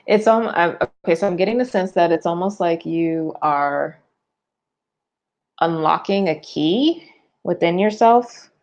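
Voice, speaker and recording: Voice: medium pitch, measured pace, a little mellow, highs cut off. A tarot reader giving a loose, chatty forecast, full of fillers and restarts and yawning often.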